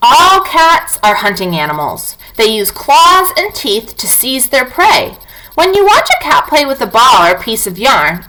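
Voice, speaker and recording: In a low-quality recording, a woman teacher reads a non-fiction book aloud to young children, addressing them directly with questions and prompts. Her voice is a little high, bright and forceful.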